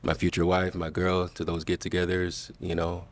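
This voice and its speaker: A man's voice: sits low, monotone, normal speed. A man on a dating show talking in a laid-back, rambling way, full of "you know" and "um". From grew up in the Valley, born in Illinois. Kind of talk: casual dating show conversation.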